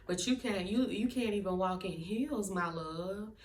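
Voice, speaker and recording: A woman's voice: mid-range voice, unhurried, distant mic. A woman giving a sassy, blunt, emphatic casual review of a reality TV episode. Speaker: reality TV recapper. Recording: echoey room, off-mic.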